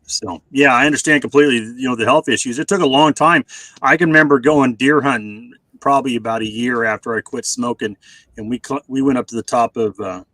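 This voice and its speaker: A man's voice: medium pitch, fairly quick, a bit bright, no echo, low-quality recording. Rambling man in his forties on a call. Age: 40s. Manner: rambling, many fillers and restarts. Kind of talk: casual chat on a video call.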